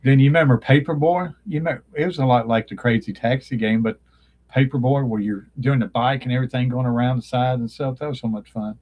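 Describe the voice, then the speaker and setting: Quick-paced and slightly mellow in a mid-range voice, a man rambles on a live stream from his childhood bedroom. The chat is casual, nostalgic and meandering, punctuated by pauses to recall names, and long talking is making his voice dry.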